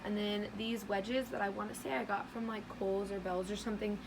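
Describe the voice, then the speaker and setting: A young American woman chatting casually in a vlog with bubbly sorority-girl energy, her voice hoarse as if she is losing it. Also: mid-range voice, steady tone, brisk, noisy background. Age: young adult. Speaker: vlogger.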